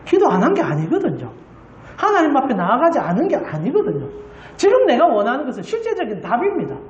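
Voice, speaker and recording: A woman pastor delivers an impassioned Sunday sermon, often turning to the congregation with rhetorical questions. Her voice sits high and leaps up and down with feeling. The church hall around her rings with echo. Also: wildly swooping pitch, fast, dull audio. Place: church sanctuary.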